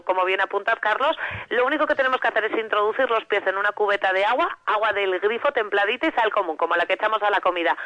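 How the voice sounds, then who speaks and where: A woman from calling in to a radio show, giving a chatty, persuasive sales pitch over the phone. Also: sharp tone, no room sound. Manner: chatty, persuasive, friendly diminutives. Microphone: telephone. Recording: muffled phone line.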